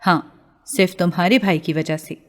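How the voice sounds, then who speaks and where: A woman voicing a defiant young female student who speaks in raised, sharp tones. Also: fairly low pitch, steady tone, natural voice. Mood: furious.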